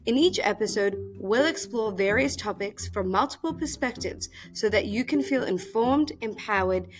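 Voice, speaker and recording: A woman's voice: fairly high pitch, animated, moderate pace, soft background music. A woman hosting an interview podcast, friendly and encouraging toward her guest. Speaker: podcast host.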